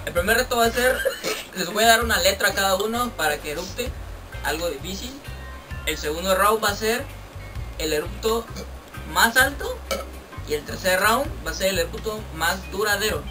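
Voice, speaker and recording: A man's voice: high-pitched, animated, moderate pace, pauses often, sharp tone. A man with a Mexican accent acting as referee among friends, announcing in a casual mock-official way with slangy, insulting banter. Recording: distant mic, clear music behind.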